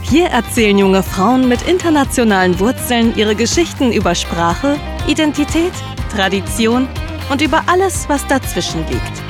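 A woman reading a scripted podcast introduction in a smooth, announcing manner. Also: fairly high pitch, very animated, normal speed. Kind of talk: scripted narration. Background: background music.

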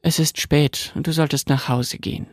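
A man reading aloud, voicing a calm, patient old woman storyteller in a quiet, measured way. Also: a little high, dry recording, studio quality, natural voice.

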